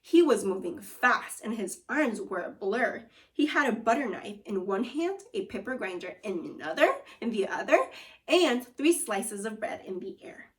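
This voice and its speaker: A second grade teacher, a woman with a mid-range voice, reads a children's story aloud and guides her pupils. Her delivery is expressive and instructive, with deliberate phrasing, and the mic sits at a distance.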